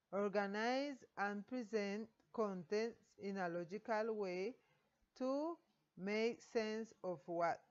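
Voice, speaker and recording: A woman with a Colombian Spanish accent, a native Spanish speaker and student teacher, slowly reading a prepared teaching reflection in English with halting phrasing. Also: mid-range voice, darkish tone. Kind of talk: read-aloud teaching reflection. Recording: dull lo-fi recording.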